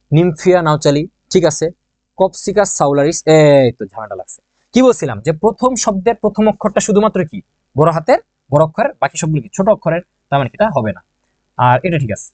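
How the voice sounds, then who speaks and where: A quick, slightly high-voiced man runs an exam-prep lesson in a chatty, joking way. He keeps asking his own questions and answering them, and he repeats the key points. His voice is close to the mic in a dry room. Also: a little mellow, no room sound. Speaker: teacher.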